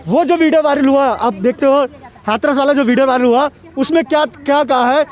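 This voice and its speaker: A man with a very high voice challenges an opponent in a public debate. He asks pointed questions and demands an answer. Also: brisk. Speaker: debate participant.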